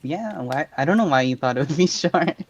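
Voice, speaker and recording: A woman co-commentating on a card game tournament in a relaxed way, mostly with short, dry replies and asides. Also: sits low, brisk, slight background noise. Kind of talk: casual live game commentary.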